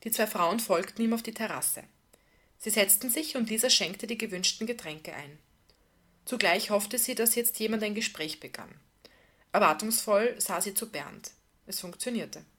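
A woman reading a novel aloud in a calm, even storytelling delivery. Her voice sits at an ordinary middle pitch, measured and steady. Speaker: reader.

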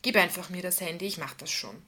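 A woman reading the part of a caring adult woman, speaking softly and asking gentle questions. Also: fairly low pitch, quick pace, breathy edge. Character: tender, attentive adult woman friend.

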